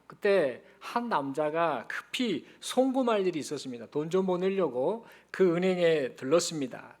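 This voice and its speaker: A male pastor preaching a Sunday sermon in a church, telling a story and addressing the congregation directly. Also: a little high. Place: church sanctuary.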